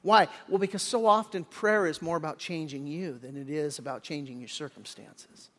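A man's voice: a little high, normal speed, a bit bright. An older man preaching a conversational sermon as pastor, folksy and full of restarts, often acting out the characters' lines. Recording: long reverb of a large hall.

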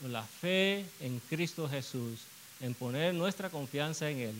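A man's voice: on the high side, animated, a little slow, fairly bright tone, a little hiss or hum, poor audio. A man preaching a sermon, earnest, asking rhetorical questions and repeating phrases for emphasis.

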